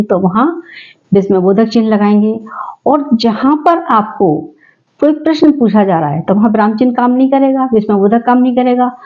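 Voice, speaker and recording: A woman's voice: a little high, phone-quality sound. A woman teaching a grammar lesson, explaining step by step and answering her own questions.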